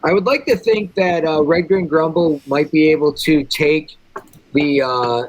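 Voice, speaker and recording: A man's voice: on the high side, a little slow, dry recording, low-quality recording. A man playing a tabletop game, talking casually and thinking aloud through the rules.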